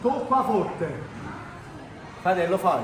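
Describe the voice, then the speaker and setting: Young male, high-pitched, Neapolitan slang, excitable repetitive banter, roomy sound with background noise. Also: extremely slow. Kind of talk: excitable casual game banter. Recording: echoey room with clear background noise.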